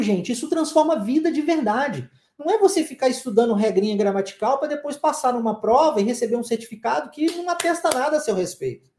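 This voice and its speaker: Emphatic man teaching, lively echoey delivery. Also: very high voice. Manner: emphatic, tags sentences with tá and né. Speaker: English teacher. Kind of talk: online class lecture.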